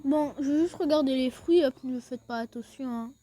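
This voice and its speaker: A woman's voice: high voice, normal speed, dark tone. A woman casually talking through a video game, explaining each step with small hesitations. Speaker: gaming video creator. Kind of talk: casual gameplay walkthrough.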